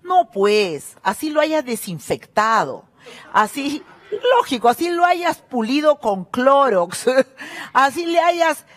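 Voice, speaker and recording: A woman's voice: high-pitched, sing-song, slow pace. A middle-aged woman, hosting a gossip show and commenting in an emphatic, scornful way. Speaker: TV show host.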